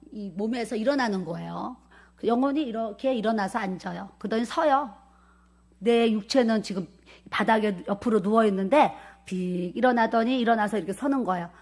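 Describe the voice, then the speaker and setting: A woman pastor preaching a sermon in a church, telling a personal story vividly and urging her listeners earnestly. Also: on the high side. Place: church sanctuary.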